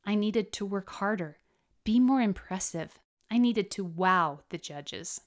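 A woman reads a personal memoir as scripted narration. Her voice sits at a medium pitch for a woman, and she shapes the literary sentences in a measured, expressive way. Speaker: author narrating own memoir. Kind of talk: scripted audiobook-style narration.

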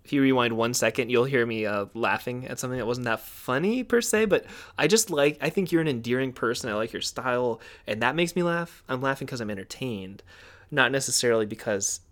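A man hosting a casual podcast, speaking into a studio microphone at an everyday middle pitch. He rambles with plenty of "like" and "um" and slips into playful asides. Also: expressive, brisk, fairly bright tone. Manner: rambling, filler-heavy, playful. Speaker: podcast host.

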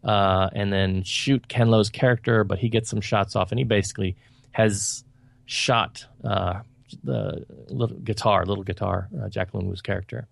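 A man's voice: fairly low pitch, fairly even intonation, normal speed, vocal fry, dry recording. A man co-hosting a podcast, reviewing films in casual chat with an opinionated, critical and rambling manner. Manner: loose, rambling delivery.

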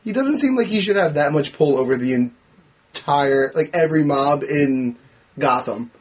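A man in a casual movie discussion, talking in an animated, argumentative way with quick restarts. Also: fairly high pitch, slightly rough. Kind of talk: casual movie podcast chat.

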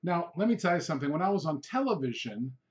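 On his informal solo podcast, a Hungarian-native real estate sales coach rambles with emphasis, hammering points home through repetition. He speaks quickly in a voice on the high side with big pitch swings, captured in a dull, lo-fi recording.

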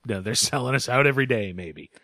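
A man's voice: medium pitch, expressive, fast talker, sharp tone, no room sound, clean studio sound. A man from Boston co-hosting a casual movie review chat, joking and swearing freely. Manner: wry, profane, joking. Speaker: podcast co-host.

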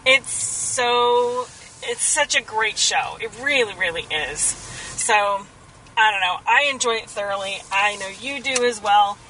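A woman's voice: medium pitch, measured pace, pushed and bright, far from the mic, slight background noise, rough recording. A woman co-hosting a podcast in casual chat, talking with enthusiasm. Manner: enthusiastic, chatty. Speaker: podcast co-host.

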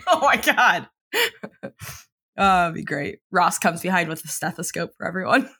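Woman podcast co-host, casual recap chat, swears freely, laughs a lot, bright tone, lively swings in pitch. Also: normal speed, vocal fry, husky. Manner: animated, profane, laughs often.

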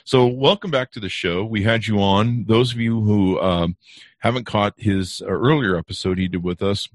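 A podcast host chats casually in an interview, rambling with many fillers and restarts. His voice sits on the low side at a moderate pace, with no echo.

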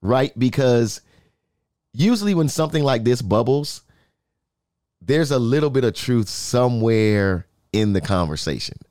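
A man's voice: medium pitch, animated, measured pace, a little mellow, no room sound, studio quality. A man co-hosting a sports talk show, speaking emphatically and often checking in with "right?". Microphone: in-ear monitor, studio.

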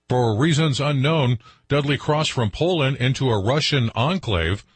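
A man's voice: mid-range voice, slightly rough, no room sound. A man with an American accent reading a scripted radio news bulletin as the anchor.

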